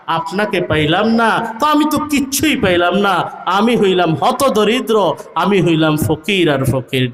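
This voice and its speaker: A man preaching a sermon, calling out loud peaks and singing some phrases in a rhythmic delivery. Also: high voice, roomy sound. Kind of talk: Bengali waz sermon.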